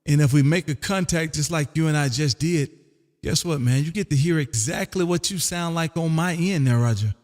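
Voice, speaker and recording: His pitch is fairly high and his tone darkish. This Texan hosts a ham radio live stream from his home radio room, making contact calls and casual chatter with a folksy showman's flair, long drawn-out call signs and frequent "man." The recording echoes with a long reverb, as in a hall.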